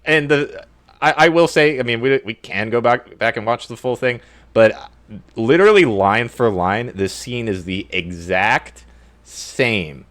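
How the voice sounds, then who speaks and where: A man co-hosting a casual gaming podcast, talking in an animated, profane, rambling way. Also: medium pitch, unhurried. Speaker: podcast co-host.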